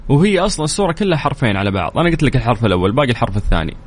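In a radio studio, a man with a Saudi Arabic accent hosts a call-in quiz show, playfully teasing callers and counting down quickly. His mid-range voice has a sing-song lilt, with a faint hiss or hum in the recording.

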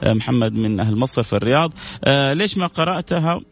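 A man of medium pitch, animated and very fast, runs a call-in radio program in a studio using a studio microphone. He reads out listener messages and answers them devoutly and warmly with prayers.

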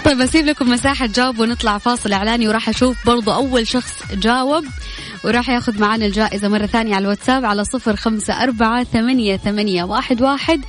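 A woman radio host with a Hijazi Saudi accent speaks very quickly in a slightly high voice. She runs a live quiz in a chatty, informal way, over music. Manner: chatty, informal, addresses listeners directly. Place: radio studio. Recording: music running behind the voice.

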